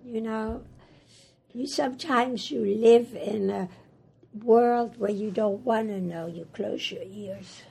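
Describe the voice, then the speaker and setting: An older woman who grew up in Germany, speaking English as a second language, recounts her life in an oral history interview in a raspy, hoarse voice, halting and plain. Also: on the high side, a little mellow. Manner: halting, plain-spoken, repeats words. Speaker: Holocaust survivor interviewee.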